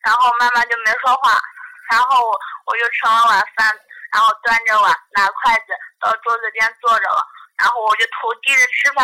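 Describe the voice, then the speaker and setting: Bright young woman on a phone line. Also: a little high. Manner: chatty, strings clauses with "then". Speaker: guest. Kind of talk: casual chat, storytelling.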